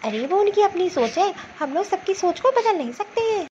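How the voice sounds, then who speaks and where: A woman voicing a calm, dutiful elder daughter-in-law in a cartoon story, soothing and obedient. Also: very high voice, normal speed, lo-fi sound, noisy background.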